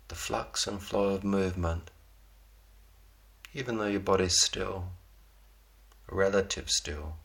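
A man gently guiding a yoga class through a slow, calm relaxation with long pauses. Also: low voice, gravelly. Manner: slow, soft, unhurried guidance with long pauses. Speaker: yoga teacher.

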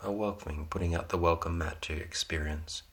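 A man leading a guided relaxation meditation, giving soothing, unhurried instructions in short phrases with pauses between them. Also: low voice, fairly even intonation, fairly bright tone.

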